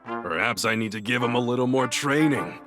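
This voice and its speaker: A man's voice: medium pitch, normal speed, music in the background, lightly acted. A man playing a small, cocky, coffee-loving creature detective in a video game, with a wry, casual manner. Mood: cocky, playful. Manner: wry, self-satisfied, casual. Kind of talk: video game cutscene acting.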